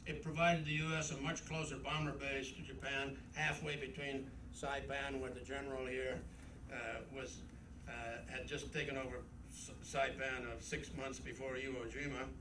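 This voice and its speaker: At an indoor club meeting, an older guest speaker delivers a rambling yet emphatic talk about his war memories, with frequent fillers. His medium-pitched voice is flat, at normal speed with few pauses. The camcorder across the room, not the podium mic, carries the sound, giving distant, roomy, noisy audio.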